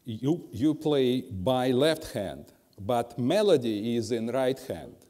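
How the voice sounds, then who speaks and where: A man leads a piano master class in a slow, unhurried way, humming rhythms as nonsense syllables and making blunt, dry remarks. His voice is mellow and dark, and it carries a long reverb through the hall, with faint piano in the background. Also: medium pitch, lively intonation. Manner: scats rhythms with syllables while coaching; blunt, drily humorous corrections. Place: music school teaching hall.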